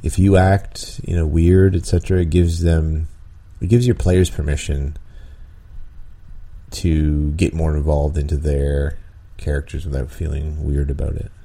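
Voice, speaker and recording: A man with a warm bass voice, speaking in a level tone and a little slowly, hosts a podcast as a dungeon master. He gives tabletop game-master advice casually and ramblingly, chuckling often and full of ums and restarts.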